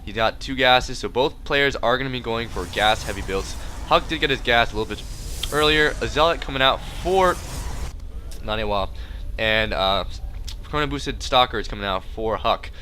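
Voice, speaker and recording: A man's voice: medium pitch, moderate pace, bright, forceful tone, a little hiss or hum. A man with a congested, stuffy nose who breathes through his mouth, doing casual, rambling game commentary with joking, self-deprecating asides. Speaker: esports match commentator.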